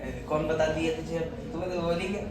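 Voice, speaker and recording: A man's voice: on the high side, level tone, fast talker. A man teaching physics to a class, quizzing and teasing his students as he goes. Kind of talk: classroom lecture. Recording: echoey classroom from far off, students murmuring.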